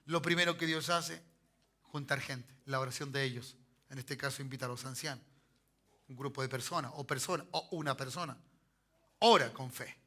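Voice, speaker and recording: A man's voice: mid-range voice, steady tone, fairly quick, pushed and bright. A man preaching a sermon as pastor, in Chilean Spanish, talking conversationally and asking the congregation to repeat after him. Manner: conversational preaching, frequent "¿me entiendes?" and call-and-response.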